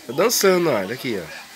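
Um homem com sotaque brasileiro, filmando o bebê com o celular num quarto pequeno e falando com ele em tom carinhoso e arrastado. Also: male voice, mid-range voice, creaky, a bit bright. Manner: doting baby talk, drawn-out words, playful questions. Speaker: parent filming his baby. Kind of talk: casual home video. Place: small bedroom indoors. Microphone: handheld phone camera, speaker behind it.

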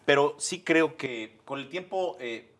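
A man's voice: fairly high pitch, a little slow. A man with a Mexican accent hosting a casual interview, joking and full of slang. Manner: slangy, joking, lively questioning. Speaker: host. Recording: crowd noise behind. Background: crowd chatter.

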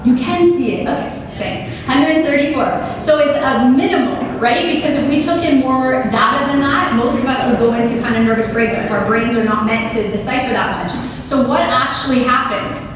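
Energetic woman speaker in an echoey hall. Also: high voice, moderate pace, a crowd in the background. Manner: energetic, asks the audience questions, gestures a lot. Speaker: keynote speaker. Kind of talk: motivational keynote talk. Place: large banquet hall with audience. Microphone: podium microphone on a stand. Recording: echoey hall recorded from a distance.

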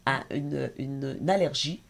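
A woman's voice: very deep voice, a little slow, creaky. A middle-aged woman, a talk show guest and association president, giving an intense, emotional personal testimony with hesitations.

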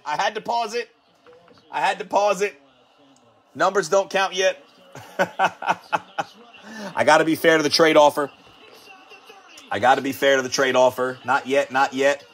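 A man hosting a live sports card break, hyped and chatty, calling out each card as he pulls it and hyping the viewers. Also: a little high. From United States. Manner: hyped, repetitive catchphrases, rapid card call-outs.

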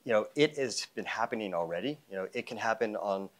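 A man's voice: on the low side, animated, fast talker. A man in his fifties, an investment fund founder, answering panel questions on a conference stage through a lapel mic, confident and wry with many fillers. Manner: confident, wry, with frequent 'you know' fillers. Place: conference stage before a live audience.

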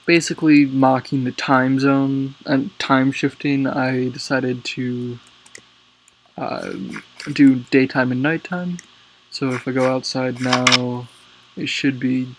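Lying down, a man casually walks through his game build, his mid-range voice a little raspy as a result. He rambles and hesitates with many pauses and lots of ums, and the recording is rough.

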